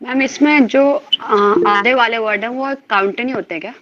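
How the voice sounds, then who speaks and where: A woman's voice: fairly high pitch, normal speed, a bit bright, muffled recording, soft background music. A woman student in a class, asking the teacher questions hesitantly.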